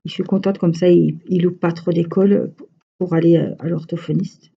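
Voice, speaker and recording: A woman's voice: lowish voice, fairly even intonation, moderate pace, creaky, breathy edge, lo-fi sound. A woman with a Franche-Comté French accent, chatting casually and rambling to her viewers as a crochet vlogger.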